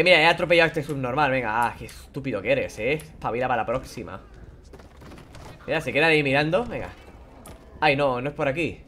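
Mocking gamer, slightly high voice. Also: male voice, slight background noise. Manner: taunting, swearing, talking to game characters; animated, playful sound effects and singing. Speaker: gameplay commentator. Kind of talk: casual let's-play commentary.

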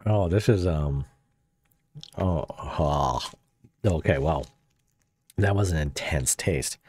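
A man's voice: slow, a little mellow, slightly rough, dry recording, studio quality. A man streaming with a voice changer on, chatting casually in a rambling, joking way with frequent self-interruptions. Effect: voice changer pitching the voice very deep. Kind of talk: casual livestream chat.

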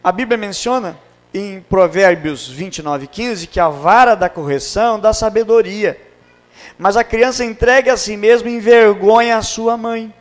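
A middle-aged man preaches, his voice sitting a little high for a man. He tells family stories in a sermon, acting out the dialogue and moving between loud, raised passages and low, hushed ones. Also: measured pace. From Brazil. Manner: storytelling with acted dialogue, swings from loud to hushed. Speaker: pastor.

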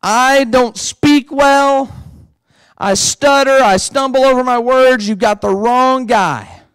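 A man's voice: very high-pitched, fairly bright tone, clean tone, no room sound, voice pushed up, exaggerated voice. A man doing a reluctant, self-doubting Moses. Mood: protesting. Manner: drawn-out, pleading.

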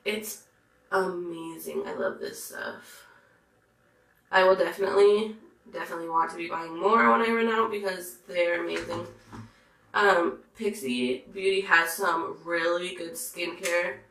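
A hoarse, congested woman talking in a chatty, gushing way, reviewing makeup. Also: on the low side, expressive, a little slow, a bit bright, roomy sound, low-quality recording. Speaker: beauty vlogger. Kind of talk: casual makeup review chat.

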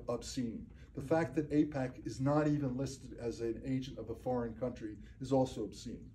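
An older man gives a talk at a lectern in a community meeting room, fielding audience questions during a lecture and Q&A in a blunt, emphatic manner, often checking with "okay?". His mid-range voice has a dark tone. A far camera with no microphone captured it, so the recording is low quality with a little hiss or hum.

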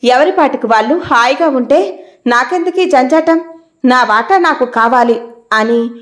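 A woman's voice: sits high, animated, a little slow. A woman voicing a grown son who speaks curtly and bluntly in a storybook reading. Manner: curt, blunt.

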